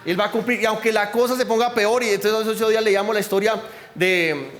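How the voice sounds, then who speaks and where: A man's voice: high-pitched, fairly even intonation, a little fast, fairly bright tone, big-room sound. A man preaching a sermon as pastor, talking conversationally and often asking the congregation questions. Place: church.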